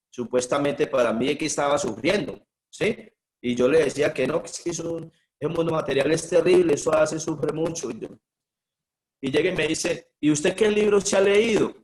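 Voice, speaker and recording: A man's voice: fairly high pitch, normal speed, poor audio. A middle-aged man, a spiritual teacher telling personal stories in a conversational way, often checking in with a questioning "sí". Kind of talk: personal storytelling talk.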